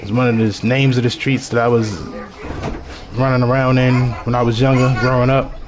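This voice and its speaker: A man's voice: medium pitch, level tone, moderate pace. A man from Baltimore with a strong local accent, chatting casually to viewers as he narrates his own video game session in a rambling way. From Baltimore, Maryland. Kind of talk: casual gameplay commentary.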